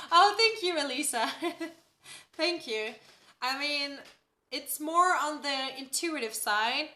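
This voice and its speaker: The sharp, high-pitched voice belongs to a woman from the Netherlands, a native Dutch speaker, giving a casual astrology reading on a live stream at home. The room sound is noticeable, and she frequently asks her audience "right?".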